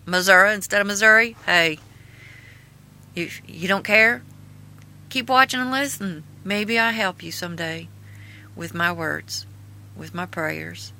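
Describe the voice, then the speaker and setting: A woman with a folksy Appalachian hillbilly twang and a very bright, forceful voice. She reads aloud casually in a halting, earnest manner, breaking off for spoken asides. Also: lowish voice, gravelly. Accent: Appalachian-style hillbilly twang. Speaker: video host and author reading own memoir.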